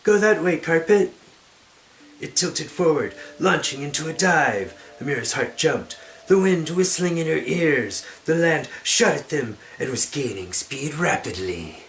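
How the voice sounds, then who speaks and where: A man delivers dramatic narration of a fantasy novel like a stage performance. His reading is hammy and theatrical, at a very unhurried pace. Music runs underneath. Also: on the high side, expressive, fairly bright tone, low-quality recording. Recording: music behind the voice.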